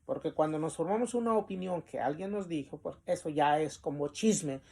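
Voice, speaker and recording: A man teaching a Bible lesson, reading definitions from the text and explaining them with pauses and the filler "este". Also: fairly high pitch, vocal fry, dark tone, husky.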